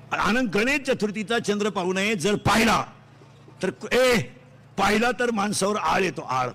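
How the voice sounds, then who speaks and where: A man with a Marathi accent preaching a comic devotional sermon in a pavilion, loudly quizzing his listeners. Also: high voice. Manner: loud, quizzing the audience, singsong mimicry. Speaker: kirtan preacher. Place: outdoor pavilion before a crowd. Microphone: stage microphone.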